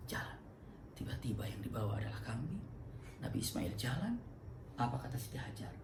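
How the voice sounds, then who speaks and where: A man retelling a religious story, animated, swinging from hushed to loud, in an echoey room. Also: medium pitch, fairly quick, gravelly, background noise. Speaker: preacher, co-host with his wife.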